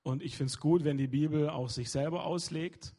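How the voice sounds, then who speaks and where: Young male preacher, loose informal sermon, hesitant delivery, mellow and a bit husky. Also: on the high side, fairly even intonation, normal speed. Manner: hesitant, many fillers and restarts.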